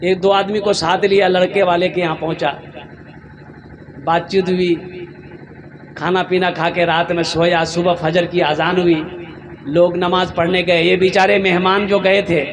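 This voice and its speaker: A man from India preaching a sermon. He asks rhetorical questions and answers them himself, repeats emphatic phrases, and swings between raised, impassioned delivery and quiet storytelling. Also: high-pitched, level tone, measured pace, pauses often, background noise. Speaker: Islamic preacher. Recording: live gathering with audible crowd.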